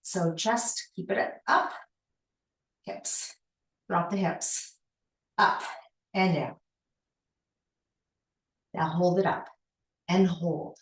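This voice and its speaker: Female aerobics instructor, unhurried and encouraging, counting and cueing moves in short phrases, very reverberant room sound. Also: fairly low pitch. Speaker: fitness instructor. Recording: roomy, echoing indoor sound.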